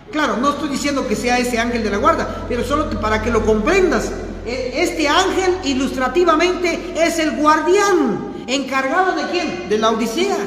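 A man with a very high voice preaches a sermon from the pulpit, drilling his congregation with questions and repeated answers. His words ring out in a church hall with a long, roomy reverb. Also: a bit bright, a little hiss or hum. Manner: emphatic teaching with call-and-response questions. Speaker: pastor.

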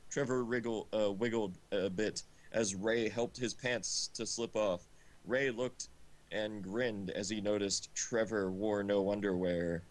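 A man with a fairly low, steady voice reads a story unhurriedly over voice chat during a game livestream, amateur and informal, often laughing and making asides. The recording quality is low.

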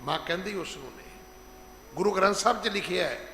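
Middle-aged man as head preacher, emphatic and high-voiced, recorded in a reverberant hall with faint background ambience. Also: lively intonation, creaky, pushed and bright, slight background noise. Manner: emphatic, slows down to stress scripture, acts out quoted speech. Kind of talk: gurdwara sermon. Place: large gurdwara hall.

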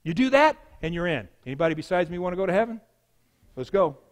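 A pastor preaching a sermon, emphatic, swinging between loud declarations and hushed lines. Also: male voice, high-pitched, sing-song, fast.

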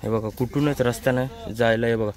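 With a crowd audible behind him, a Mumbai-accented vlogger narrates casually from a small open boat on a creek, again and again showing viewers what to look at. He speaks briskly at medium pitch with fairly even intonation, recorded noisily outdoors on a handheld phone.

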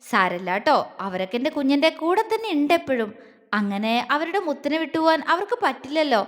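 A woman voicing a doting young husband, soft and coaxing. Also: high voice, very animated, quick pace, big-room sound. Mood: tender. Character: tender, teasing young husband.

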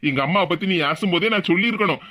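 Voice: mid-range voice, racing, bright, forceful tone, a little hiss or hum, lightly acted. A voice actor playing an easygoing young husband in a cartoon, speaking with a Tirunelveli Tamil accent. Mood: soothing. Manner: soothing, laid-back. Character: easygoing young husband, good-natured son. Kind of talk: cartoon voice acting.

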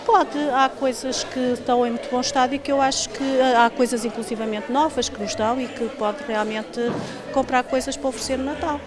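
An eager woman in her forties with a European Portuguese accent and a fairly high voice. She speaks into a handheld mic in a large hall, with plenty of crowd chatter around her. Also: fairly even intonation, a little fast. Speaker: volunteer. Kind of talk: interview. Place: large indoor hall with clothing stalls. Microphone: handheld reporter mic.

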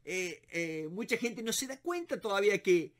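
A middle-aged man with a Rioplatense Spanish accent, teaching negotiation in a casual monologue, lively and repeating words as he thinks aloud. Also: high voice, moderate pace. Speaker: negotiation instructor.

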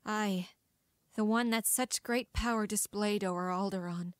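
An actress playing a proud, sharp-tongued young rebel princess, speaking formal archaic verse in an audio drama. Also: female voice, mid-range voice, fairly even intonation, measured pace, no echo, clean studio sound, natural voice. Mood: sharp, earnest.

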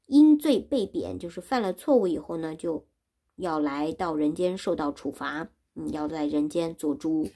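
A woman's voice: deep voice, lively intonation, moderate pace, dark tone, husky, full character voice. A woman doing a whiny pig demon. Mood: whining. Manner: whining and aggrieved.

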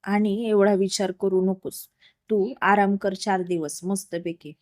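A woman's voice: medium pitch, steady tone, unhurried, natural voice. A woman narrator voices a friendly pregnant sister-in-law who teases and comforts. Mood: teasing. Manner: warm, teasing.

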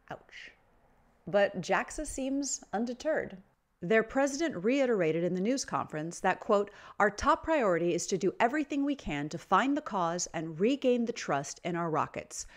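A woman in her thirties hosting scripted news commentary with casual asides, close to a desk microphone indoors. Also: mid-range voice. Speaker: host, space news commentator. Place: small furnished room with bookshelves, indoors. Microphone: desk microphone close in front.

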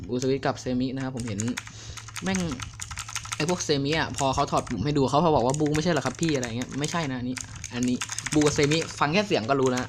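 Young man, casual gear review, excitable chatter, mid-pitched voice, loud keyboard clicks behind. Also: fairly quick, noisy background. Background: clicky keyboard typing.

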